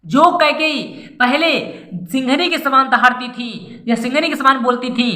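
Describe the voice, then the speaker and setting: Woman teacher, high voice, recites verses slowly then explains them, echoey room. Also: fairly even intonation, bright, forceful tone. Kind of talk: Hindi poetry lesson, reading and explaining verses.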